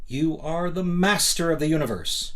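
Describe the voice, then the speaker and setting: Reading a motivational book aloud as host, he sounds animated and on the high side, keeping a moderate pace. His delivery is emphatic and instructive, dotted with rhetorical questions and conversational asides.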